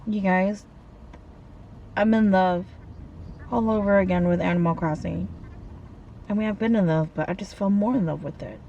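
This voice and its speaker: A young adult woman vlogging in a casual, gushing style, full of slang and excited asides. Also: medium pitch, normal speed, pauses often, dull audio, a little hiss or hum. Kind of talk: casual vlog chat.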